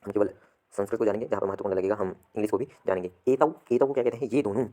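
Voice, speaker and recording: A man's voice: on the low side, racing, mellow, slight background noise. A man teaching a classroom lesson, repeating each word and asking and answering his own questions. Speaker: Sanskrit teacher. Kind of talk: classroom lesson explaining vocabulary.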